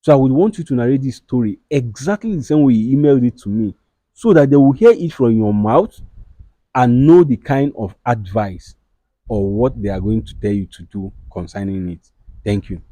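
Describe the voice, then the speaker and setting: A man hosting a confession program, speaking in a calm, deliberate and formal way. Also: mid-range voice, no echo. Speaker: host. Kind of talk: measured interview hosting.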